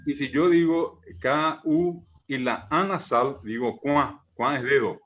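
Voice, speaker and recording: Patient teacher, muffled call audio. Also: male voice, mid-range voice, a little slow, fairly bright tone. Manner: patient, repeats examples, many "eh" fillers and "¿verdad?". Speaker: Guaraní language teacher. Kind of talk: explanatory online class.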